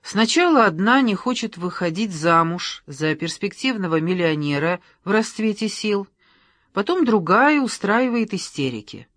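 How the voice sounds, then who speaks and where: A reader voicing Igor, a calm, blunt man who talks roughly on the phone. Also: high-pitched, moderate pace, no echo, clean studio sound, pitched above the performer's own voice. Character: blunt, confident rich man.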